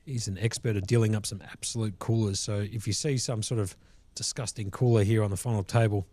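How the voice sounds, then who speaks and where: A man with a fairly low voice commentates a live poker tournament, calling the action play by play. His phrasing is colloquial and slangy, and the sound is dry with very little room in it. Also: fairly even intonation, a little fast, warm tone, no room sound.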